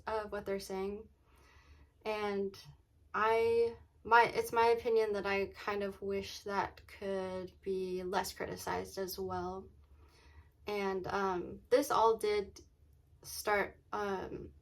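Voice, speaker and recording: A woman chatting casually in a vlog, often saying "like" and "um" and pausing to think aloud. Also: mid-range voice. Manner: says "like" and "um" very often as filler; halting, thinking aloud, trailing off mid-sentence. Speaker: vlogger.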